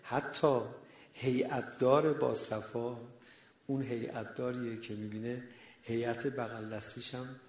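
A man's voice: medium pitch, fairly even intonation, reverberant. A man preaching a religious sermon with passion, firing off rhetorical questions at his listeners. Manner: impassioned, full of rhetorical questions.

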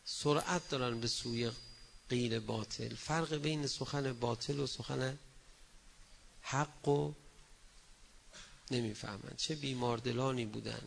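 A male preacher delivers a sermon in a gravelly, creaky voice, pressing his point with sudden loud bursts before dropping into quieter asides. He now and then acts out the people he quotes in a raised voice, with a faint hum of background noise behind him. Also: long pauses. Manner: exhorting, swinging between loud emphasis and low asides. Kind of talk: religious sermon.

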